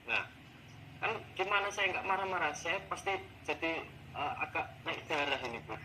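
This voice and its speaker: A man playing a teacher in a coaching role-play, complaining in an exasperated, animated way about his class. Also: on the high side, normal speed, noisy background. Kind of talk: role-played coaching session.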